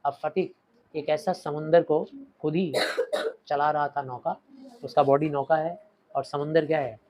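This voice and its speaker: A man teaching a short story in Hindi, reading English lines with an Indian accent and acting out quoted lines before dropping to quiet asides. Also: on the high side, steady tone, a little slow, highs cut off. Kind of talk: explaining a story in Hindi lecture.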